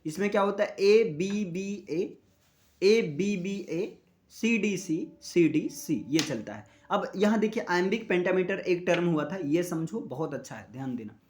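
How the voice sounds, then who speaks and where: High-voiced teacher, slow and deliberate. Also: male voice, expressive, darkish tone. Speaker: English literature teacher. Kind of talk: classroom-style lecture mixing Hindi and English.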